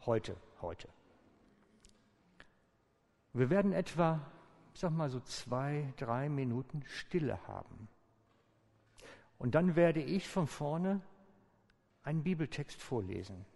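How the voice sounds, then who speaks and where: A man preaching a sermon as pastor, calm and inviting, slowing down with deliberate pauses. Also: a little high, creaky. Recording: long church-hall reverb.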